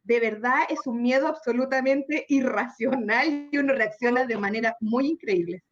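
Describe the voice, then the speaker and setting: Her voice runs a little high at normal speed, and the recording's highs are cut off. As a guest on a radio interview, this Chilean psychologist explains sincerely and openly admits her own fears.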